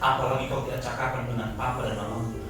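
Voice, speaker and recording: A man's voice: medium pitch, level tone, fast. Preaching man in an echoey church hall. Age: 40s. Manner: swings from hushed storytelling to shouted exhortation. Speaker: pastor. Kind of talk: sermon. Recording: echoey church hall, mic from a distance, music behind.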